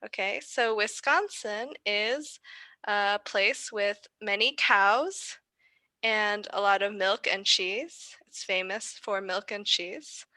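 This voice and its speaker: A woman's voice: mid-range voice, slow pace, pushed and bright, no echo. A young American woman giving a friendly online lecture, often asking the class questions over a video call. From United States.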